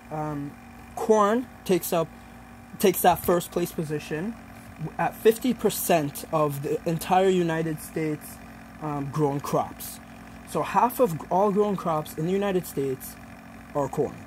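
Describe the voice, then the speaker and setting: A young adult man with a fairly high, slightly mellow voice gives an informal student presentation, explaining things hesitantly as he feels out his points. The recording is rough, with slight background noise.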